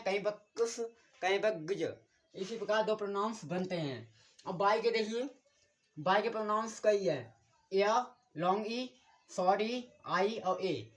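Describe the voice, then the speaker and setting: A man from India teaching a basic online English lesson. He explains in an even classroom way, keeps pointing to the board, spells out words letter by letter and repeats each sound several times. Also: high-pitched.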